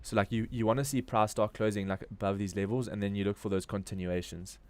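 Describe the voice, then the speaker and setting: A man's voice: on the low side, fairly even intonation, fast talker, clear, resonant tone. A man with a South African accent giving casual live market commentary as a stream host, informal and slangy as he thinks aloud. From Durban, South Africa. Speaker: crypto trading livestream host.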